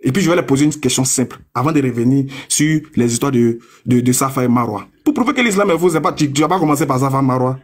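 A young man in a combative live-stream debate, taunting his opponents and reading a source text aloud slowly and deliberately. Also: mid-range voice. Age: young adult.

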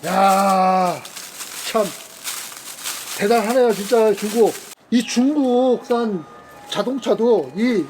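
A middle-aged man with a high, slightly mellow voice hosts a casual car demonstration outdoors in a parking lot beside cars, with a faint hiss or hum in the audio. As a car channel host, he chats and exclaims while showing off the gear, grumbling about carmakers along the way.

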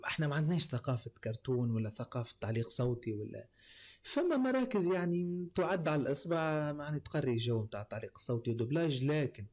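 A man's voice: fairly high pitch, fast, a little mellow. A man with a Tunisian accent, a voice-over artist speaking as an interview guest, explaining his craft point by point with many fillers. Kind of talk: casual interview talk.

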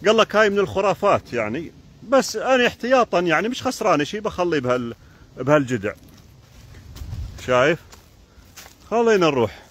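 A man's voice: high voice, very animated, fairly quick, pauses often, fairly bright tone, husky. A man with a Jordanian Arabic accent chatting casually on a live stream while foraging outdoors in a forest, keeps pointing things out to the viewer.

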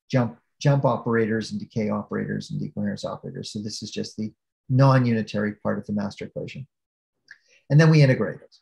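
A man lecturing over a video call from a small room, walking through the material step by step. His voice is low and gravelly, with a mellow, dark tone, and he often pauses on fillers and restarts his sentences. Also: poor audio. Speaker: keynote speaker. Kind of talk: academic lecture.

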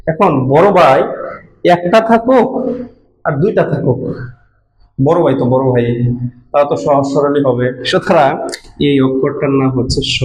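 A man's voice: on the high side, reverberant, low-quality recording. A man teaching a language class, explaining letter sounds patiently and repeating each one step by step. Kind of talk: classroom lesson.

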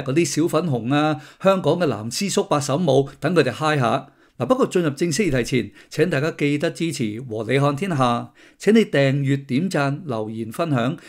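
A man's voice: a little high, a little mellow. A middle-aged man, hosting a casual political commentary with sardonic, mocking asides. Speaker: host of a commentary channel.

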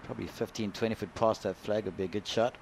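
A man's voice: lowish voice, fairly even intonation, quick pace, vocal fry. A man giving live golf commentary as a tournament commentator. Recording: loud outdoor noise, crowd behind. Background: loud outdoor course ambience.

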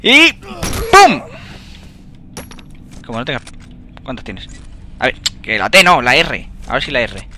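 A young man with a Spain Spanish accent giving let's play commentary, excitable, swearing and yelling at enemies as he plays. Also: medium pitch, moderate pace, a little hiss or hum. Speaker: gamer.

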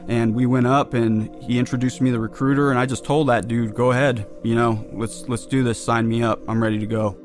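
Man from california, veteran, casual storytelling, loose fillers, middle pitch, soft music behind. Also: flat delivery, a little fast, few pauses. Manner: loose, conversational, with fillers like "like" and "you know". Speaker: military veteran interviewee. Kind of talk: casual recollection.

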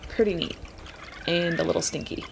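A woman in her thirties narrating a sailing travel vlog in a calm, gently wry voice-over. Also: lowish voice, moderate pace, creaky, noisy background. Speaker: sailing vlogger.

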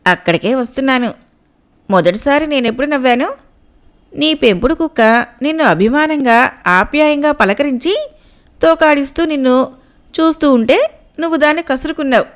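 A woman voicing a young, sharp-tongued sea maiden in a storybook reading, speaking calmly as she tells plain truths. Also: high-pitched, moderate pace, pauses often, lightly acted. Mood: knowing, scornful.

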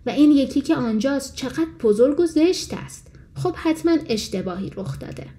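A woman's voice: high-pitched, expressive, dark tone, voice pushed up. A woman voicing the haughty queen of the ducks in an audiobook, sounding dismissive and complaining.

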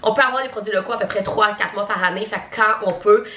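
A woman's voice: medium pitch, quick pace, a bit bright, highs cut off. Chatty Québécois woman vlogging. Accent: Québécois French. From Quebec, Canada. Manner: chatty, many fillers and asides. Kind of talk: casual vlog chat.

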